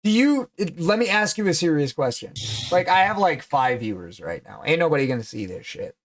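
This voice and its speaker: A man's voice: a little high, big pitch swings, fairly quick, fairly bright tone. A man hosting a livestream, chatting casually and teasing his guest bluntly with lots of swearing. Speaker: livestream host. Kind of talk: casual stream chat.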